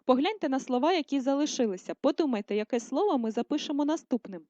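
A woman teacher giving a video lesson to first graders, speaking slowly and carefully and drawing out words to stress them. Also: high voice, lively intonation, a little mellow, no echo. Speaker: primary school teacher. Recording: dull lo-fi sound.

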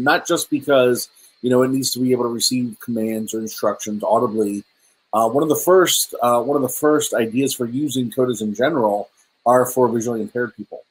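A slightly rough, medium-pitched male voice comes through a low-quality recording. It belongs to a middle-aged man casually presenting slides via webcam at a virtual meetup from indoors at home, hesitating and chatting with frequent ums and restarts.

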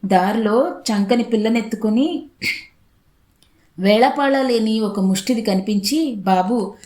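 A woman's voice: on the high side, measured pace, darkish tone. Woman narrating a story in an echoey room. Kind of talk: audiobook story reading.

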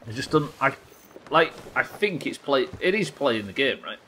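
This live game streamer, a British man in his thirties, sounds animated in his mid-range, sharp voice and talks at a normal pace. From a small indoor room he offers rambling, sweary, self-questioning commentary and chats with viewers. Slight background noise can be heard.

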